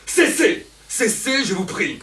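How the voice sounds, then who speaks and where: A man's voice: mid-range voice, lively intonation, measured pace, a bit bright, slight background noise. A man playing Elvire, a scorned and desperate woman in love, declaiming in impassioned outbursts on a theatre stage. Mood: anguished. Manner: impassioned, cries out in long outbursts. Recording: echoey theatre, voice from far off.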